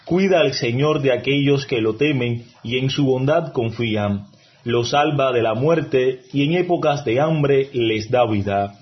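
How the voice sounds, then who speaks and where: A man's voice: mid-range voice, unhurried, lo-fi sound. A man reciting a responsorial psalm at Mass in a formal, reverent manner.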